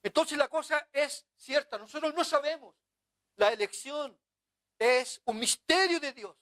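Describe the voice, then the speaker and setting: A man's voice: very high voice, measured pace, a bit bright. A man preaching a sermon as pastor, in an impassioned, pleading manner.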